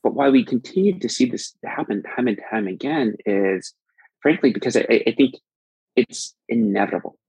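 A man's voice: mid-range voice, lively intonation, normal speed, gravelly, darkish tone, slightly rough, no echo, dull audio. A man as a podcast guest, explaining at length in a thoughtful way, often restarting sentences. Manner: thoughtful, frequent restarts and fillers. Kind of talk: conversational explanation.

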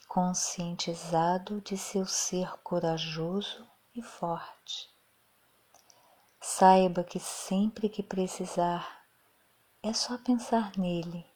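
A woman leading a guided meditation, speaking softly and soothingly, often half-whispering. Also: lowish voice.

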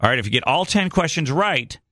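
A man's voice: fairly high pitch, lively intonation, a little fast, bright, forceful tone, dry recording, studio quality. A man hosting a morning radio show, giving a chatty live contest promo and explaining the rules informally.

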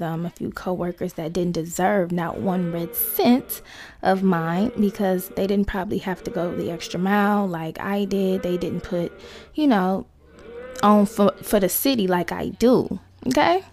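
A woman hosting a casual solo podcast, talking to listeners in slangy, sweary asides with creaky vocal fry. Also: lowish voice, a little mellow. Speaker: podcast host.

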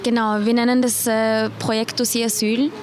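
A woman's voice: a little high, flat delivery, moderate pace, darkish tone. A woman from Iran, an investigative journalist answering interview questions with many hesitations and fillers.

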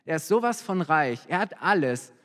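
Man doing a grave older prophet, hushed earnest parable telling, slightly high voice, long hall reverb. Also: big pitch swings, normal speed.

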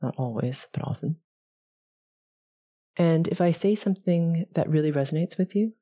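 A soft-spoken woman leading a guided meditation, speaking gently with long pauses. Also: a bass voice, husky.

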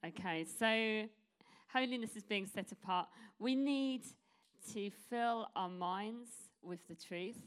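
A woman gives an informal sermon in a chatty, self-deprecating way. She has a soft R that comes out as a W, and her pitch sits in the middle range for a woman. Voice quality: cannot say her R's, says w for r. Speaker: church preacher.

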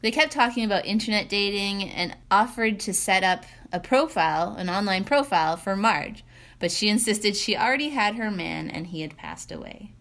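A woman's voice: medium pitch, lively intonation, moderate pace, a bit bright. A young woman co-hosting a podcast who tells of a dinner outing in a dry, wry way. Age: young adult. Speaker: podcast co-host.

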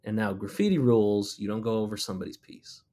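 Low-voiced man telling a rambling story. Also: fast. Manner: relaxed, rambling, frequent fillers and restarts. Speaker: muralist recounting a personal ghost story. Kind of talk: casual spoken storytelling.

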